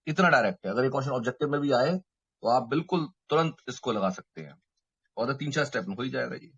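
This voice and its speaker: Guy teaching math online, husky voice, explains each step slowly, dull lo-fi mic sound. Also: medium pitch, expressive, fairly bright tone. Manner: explains step by step, checks in with students; mixes Hindi and English terms. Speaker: mathematics teacher. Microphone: microphone.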